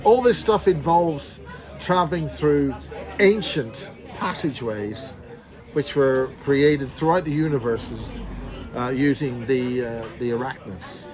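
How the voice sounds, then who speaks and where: Speaking slowly on a rough recording, this Northern Irish man with a Belfast accent and mid-range voice discusses secret space programs. His outdoor chat is rambling, emphatic, and full of jokey teasing, set against heavy crowd noise.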